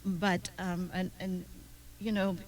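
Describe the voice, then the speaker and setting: A woman from the Netherlands, a Dutch native with a Dutch accent, speaking as a psychic guest in halting, broken English full of fillers in a radio studio. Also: lowish voice, flat delivery. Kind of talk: live radio studio chat.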